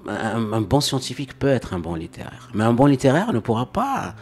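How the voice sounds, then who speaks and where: A man's voice: mid-range voice, sing-song, brisk, a little mellow, slightly rough. A man from Morocco, a guest in an interview, talking casually and often repeating words as he searches for phrasing.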